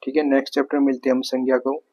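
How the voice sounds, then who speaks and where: A man's voice: medium pitch, flat delivery, rapid-fire, mellow, highs cut off. A man with a Haryanvi-tinged accent teaching an exam prep grammar lesson, reading each question and then explaining the answer step by step with repeats. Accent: Haryanvi-tinged Hindi.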